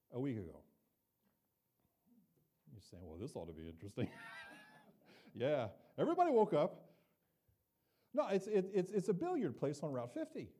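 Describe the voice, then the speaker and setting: A middle-aged man delivers a sermon, drifting easily from teaching into a humorous personal story and playing every character in it. His voice is warm and mellow, a little higher than most men's, and it swings widely in pitch as he talks. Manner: conversational, humorous, acts out quoted voices. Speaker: pastor.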